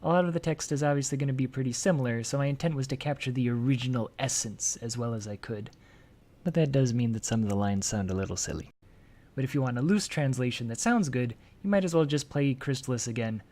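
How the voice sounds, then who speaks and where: An energetic man who hosts and translates a video game delivers scripted commentary, reading translated game text. His medium-pitched voice moves quickly, lively and jokey, breaking off to comment with sudden excitement.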